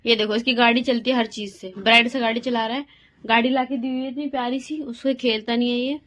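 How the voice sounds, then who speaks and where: A woman's voice: on the high side, fairly even intonation, quick pace, a bit bright. Young woman chatting in a home vlog. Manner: chatty, coaxing her toddler in a sing-song voice. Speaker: vlogger. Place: home rooms, indoors.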